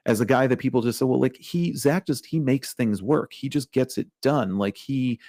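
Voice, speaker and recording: A podcast co-host with a medium-pitched voice tells a story at a moderate pace, chatty and wry, packing in fillers like "like" and "you know." A crowd can be heard in the background.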